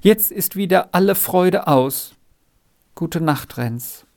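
A reader voicing a kind, anxious young farm girl in an audiobook, speaking high and pleading. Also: expressive, takes it slowly, darkish tone. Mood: sad. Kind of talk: audiobook reading.

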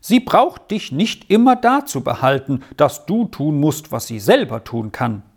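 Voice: mid-range voice, big pitch swings, unhurried. A reader voicing a sturdy, broad ten-year-old boy who is pushy and mocking, in a storybook reading. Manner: insistent, teasing.

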